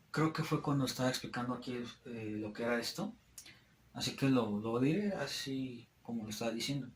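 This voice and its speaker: A young man presents a class topic with plenty of hesitations and restarts. His voice sits at a middle pitch. The room around him is echoey, with a faint hiss underneath. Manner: hesitant, frequent fillers and restarts. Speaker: student presenter. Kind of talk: classroom explanation at a whiteboard.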